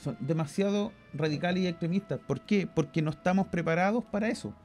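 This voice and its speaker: A man's voice: a little high, fairly quick, a little mellow, soft background music. A Chilean man co-hosting a podcast, giving strong opinions in casual discussion and often repeating words as he thinks. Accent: Chilean Spanish. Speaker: podcast co-host.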